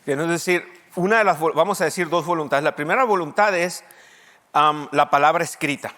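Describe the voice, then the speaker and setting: A man's voice: fairly high pitch, a little fast. Preaching man in an echoing hall. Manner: lively preaching with quoted scripture and asides to the congregation. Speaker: pastor. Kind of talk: sermon.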